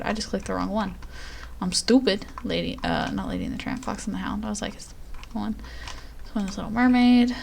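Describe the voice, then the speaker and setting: A woman's voice: medium pitch, a little hiss or hum. Chatty self-deprecating woman streamer. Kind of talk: casual live-stream chat.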